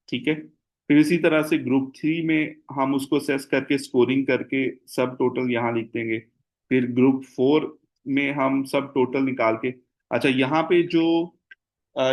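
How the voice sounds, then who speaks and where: Slow, steady male trainer explaining scoring. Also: mid-range voice. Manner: explanatory, mixes Hindi and English terms, frequent fillers. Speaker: ABA therapy trainer.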